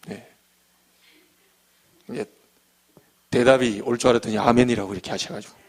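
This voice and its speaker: A man preaching a midweek church sermon, talking in a lively, conversational way and acting out little everyday scenes. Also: mid-range voice, normal speed. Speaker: pastor.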